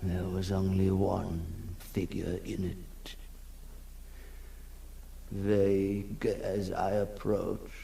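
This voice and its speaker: A man playing an anguished ghoul in a theatrical 1960s radio horror monologue, halting between whispers and cries. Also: deep voice, monotone, vocal fry, dark tone, exaggerated voice. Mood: hushed dread. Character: anguished male ghoul recoiling from his own monstrous reflection. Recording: noisy old 1960s radio recording.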